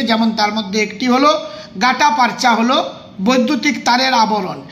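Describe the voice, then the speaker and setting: High-voiced teacher reading out word lists. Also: male voice, echoey room, slight background noise. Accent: West Bengal Bengali. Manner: reads out terms and meanings in a steady list. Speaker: coaching teacher. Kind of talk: exam revision lesson.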